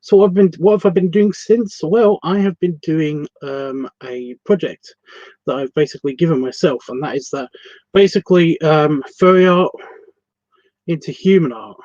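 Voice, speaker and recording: A Scottish man hosts a casual livestreamed art class from his computer, rambling, correcting himself and swearing offhandedly. His voice is fairly high with a darkish tone at a normal speed. The recording is dry, slightly muffled and lo-fi.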